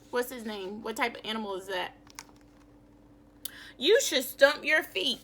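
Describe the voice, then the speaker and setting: A woman's voice: on the high side, a bit bright, a little hiss or hum. A woman teacher, reading a picture book aloud to children and stopping to quiz them. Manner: reads slowly, stops to quiz children. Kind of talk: read-aloud lesson for children. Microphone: phone camera.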